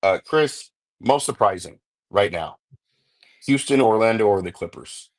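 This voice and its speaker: Low-voiced laid-back sports host. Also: male voice, lively intonation, a little slow. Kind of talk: casual sports talk.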